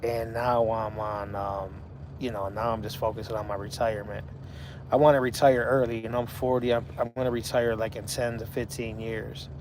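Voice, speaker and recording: Male, 40s, livestream host. Easygoing, flat delivery, light vehicle noise behind. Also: lowish voice, moderate pace. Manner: laid-back, talks to chat viewers by name. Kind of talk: casual live chat.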